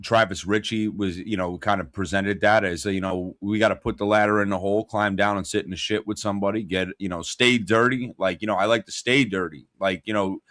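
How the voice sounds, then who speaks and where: A man's voice: lowish voice, fairly even intonation, a little fast, few pauses, a bit bright, no room sound, studio quality. A man co-hosting a casual chat, laid-back and affectionate, with many fillers.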